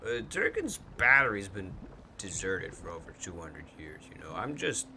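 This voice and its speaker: A man's voice: sits low, wildly swooping pitch, normal speed, noisy background. A man hosting a let's play, reading narration aloud and commenting on the game. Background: game music.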